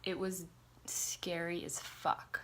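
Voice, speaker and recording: Woman vlogger with a low-leaning voice, confessional storytelling, loose and filler-heavy. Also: flat delivery, slow pace, fairly bright tone. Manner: casual, confessional, lots of "like" fillers; swears casually. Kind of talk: personal storytelling to camera.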